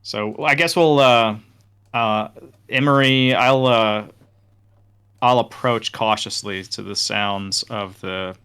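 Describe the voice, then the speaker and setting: Bright-voiced man playing a tabletop game. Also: fairly low pitch, slow, smooth. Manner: easygoing, thinks aloud. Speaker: player. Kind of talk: casual table talk.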